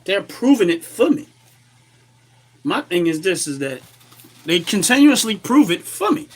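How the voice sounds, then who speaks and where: A man with an American accent hosting a casual, opinionated livestream commentary while a little under the weather, clearing his throat and repeating phrases for emphasis. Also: high-pitched, big pitch swings, a little slow. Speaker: livestream host.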